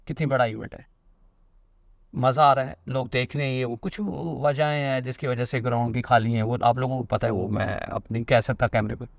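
A man's voice: medium pitch, vocal fry, no echo. A man, hosting a casual cricket chat in a small studio and talking emphatically. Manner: talkative, emphatic, gesturing. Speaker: show host, cricketer and actor.

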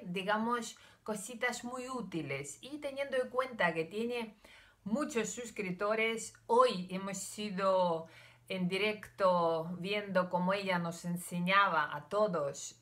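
A vlogger's medium-pitched, slightly bright voice: she is an older Ukrainian woman whose first language is Russian, with an accent to match. Filming casually at home, she chats hesitantly to camera and gestures with her hands.

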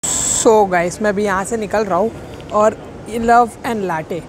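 This is casual vlog chatter from a young man in a public cafe, speaking into a handheld camera with a high-pitched voice. He talks a little slowly over slight background noise, rambling, kidding around, and correcting himself.

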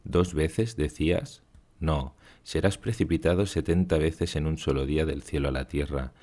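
A wise, gentle young woman in a storybook reading, solemn and measured, read by a man with a very low voice. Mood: earnest. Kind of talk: audiobook reading.

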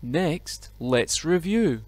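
A man teaching English in a recorded video lesson, saying model words slowly and clearly for students to repeat. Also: a little high, animated, a little mellow, big-room sound. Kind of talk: recorded pronunciation drill.

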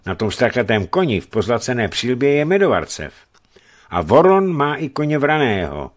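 A man's voice: medium pitch, very animated, pitched above the performer's own voice, natural voice. A male narrator voicing a tall red-bearded merchant who talks boldly and jokes. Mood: bantering. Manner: joking, bold.

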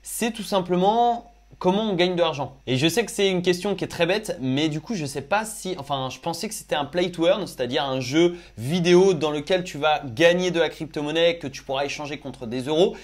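A man's voice: a little high, fairly quick. A young man chatting casually as he tries out crypto apps on his phone, thinking aloud with lots of fillers. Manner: chatty, thinks aloud with many "euh" and "du coup". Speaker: crypto YouTuber. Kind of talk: casual screen-recorded app review.

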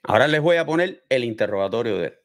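A man's voice: mid-range voice, fast. Guy doing true crime commentary, voice jumps all over, keeps asking rhetorical questions. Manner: animated, explaining with gestures. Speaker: host commenting on a criminal case.

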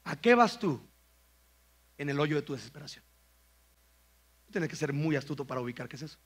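A man with a Mexican accent preaching a sermon, joking with the congregation and acting out comic prayers in slow, exaggerated voices. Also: on the high side, expressive. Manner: playful, jokes with the congregation. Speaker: pastor. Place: church auditorium.

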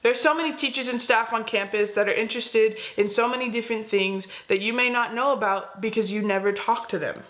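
A woman's voice: fairly high pitch, fairly quick, few pauses, a bit bright. A teenage girl hosting a school video with sarcastic, teasing scripted narration. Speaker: student video host. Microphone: close camera, plain wall.

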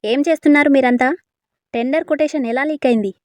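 A woman reading a commanding, short-tempered young businessman who snaps orders at staff in a storybook tale. The voice sits a little high, close and dry. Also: moderate pace, darkish tone, no echo, lightly acted. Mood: angry. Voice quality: curt, commanding.

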